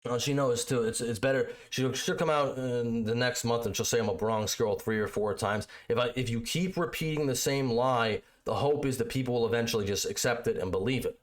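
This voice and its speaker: A man's voice: medium pitch, a little fast, few pauses. A man co-hosting a casual political chat show, giving his opinions and thinking aloud as he talks. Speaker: podcast co-host.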